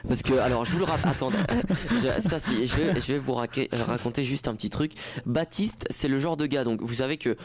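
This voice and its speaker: A young man hosts a campus radio show from a studio, speaking into a studio mic in a mid-range voice at a slightly quick pace. His casual chat rambles, full of fillers and restarts.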